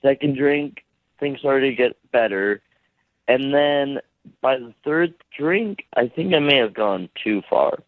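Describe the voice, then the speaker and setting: A man calling in to a radio show, telling his story slowly and hesitantly. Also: mid-range voice, lively intonation, no room sound. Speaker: radio caller. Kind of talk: phone-in chat. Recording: tinny phone line.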